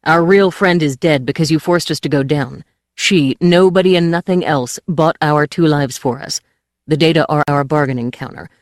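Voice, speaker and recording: A man's voice: fairly high pitch, normal speed, no echo, studio quality, natural voice. An audiobook reader voicing a grim, exhausted male starship pilot who talks in clipped, bitter bursts. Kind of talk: audiobook character voice.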